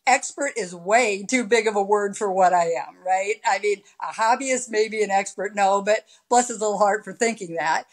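A woman in her sixties, a podcast guest, telling her story in a lively, animated way over a video call from a room at home. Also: medium pitch, normal speed, hardly any pauses. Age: 60s. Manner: animated storyteller with big hand gestures. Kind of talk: casual interview chat. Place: home room with high ceiling. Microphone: laptop webcam on a video call.

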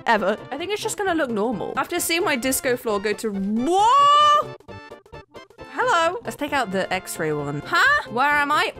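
A young woman giving excitable, giggly commentary while playing a game, squealing at surprises. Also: high-pitched, normal speed. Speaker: gaming YouTuber. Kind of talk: Minecraft let's play commentary. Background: game music.

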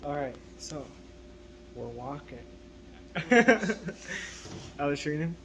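A man's voice: fairly high pitch, slow pace, crowd noise. A young man filming himself on a phone for a missionary vlog, chatting casually and joking as he goes. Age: young adult. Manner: excitable, joking, self-mocking. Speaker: missionary vlogger. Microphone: phone held at arm's length.

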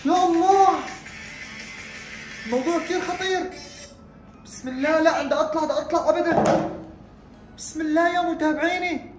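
A man narrating a horror prank vlog at home, excitable and acting scared as he talks to his viewers. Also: extremely high pitch, fast, pauses often, roomy sound, over music. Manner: excitable, feigning fear, addresses viewers. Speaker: vlogger. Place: room at home.

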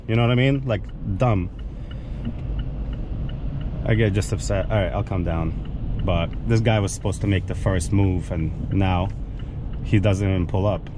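A man talking casually while he drives, cursing at other drivers. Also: lowish voice. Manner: cranky, swearing at other drivers. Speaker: vlogger. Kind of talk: casual driving vlog commentary. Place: inside a car on city streets. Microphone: camera mounted in the car. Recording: car and street noise behind.

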